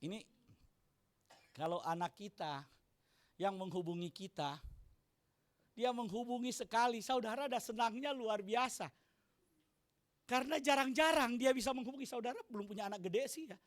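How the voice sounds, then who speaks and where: A man preaching a sermon to a congregation as pastor, often shouting for emphasis and asking the congregation questions with jokes. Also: very high-pitched, moderate pace, long pauses. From Indonesia. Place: church hall.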